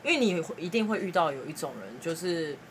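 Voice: mid-range voice, lively intonation, a little fast, fairly bright tone, a little hiss or hum. A podcast host, chatty and laughing now and then while telling a story in a casual way.

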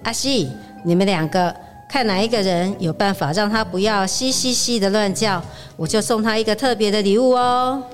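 Woman voicing a fussy mom, scolding, mid pitch, reverberant sound. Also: moderate pace, soft background music, lightly acted. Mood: nagging. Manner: scolding, fussing. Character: nagging, caring middle-aged mother.

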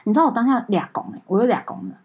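A woman with a Taiwanese Mandarin accent, co-hosting a podcast and telling a story in an animated, emotional way with many fillers. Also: medium pitch, very fast, husky, dull audio. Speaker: podcast co-host. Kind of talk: casual storytelling chat.

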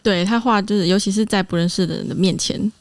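Fast-talking woman podcast guest. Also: medium pitch, no echo, studio quality. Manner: quick, short replies. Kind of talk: casual chat.

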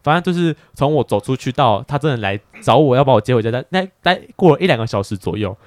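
A man speaking, co-hosting a podcast and telling a story in a casual, animated way, with stammering restarts and frequent laughter. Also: mid-range voice, fast talker, no echo, studio quality. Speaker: podcast co-host.

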